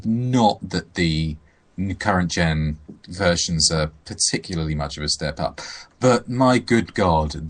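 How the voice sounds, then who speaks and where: A man's voice: low-pitched, fairly bright tone. A man, co-hosting a casual podcast chat with dry, sardonic riffs. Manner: wry, sardonic riffing. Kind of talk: casual chat about games.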